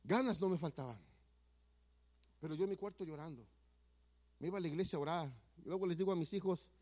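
A man tells his church testimony in his fifties' voice, pitched unusually high for a man. He speaks earnestly, dropping to a hush at some moments and pressing hard with emphasis at others. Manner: earnest, swings from hushed to emphatic. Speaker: church member giving testimony. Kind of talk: personal testimony storytelling.

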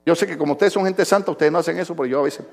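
A man preaching a sermon as pastor, with humor, his voice swinging from loud outbursts to quiet asides. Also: a little high, racing, creaky.

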